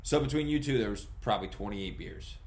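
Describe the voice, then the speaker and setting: A man co-hosting a casual podcast, teasing his partner with quick, pointed questions. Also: fairly low pitch, a little mellow. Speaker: podcast co-host.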